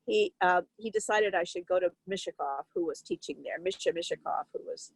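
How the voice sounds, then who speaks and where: A woman's voice: fairly low pitch, brisk, slightly rough, no room sound, poor audio. An older woman from Turkey, a violinist, telling her life story in an interview in a reflective way, with frequent fillers and restarts. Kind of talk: conversational interview.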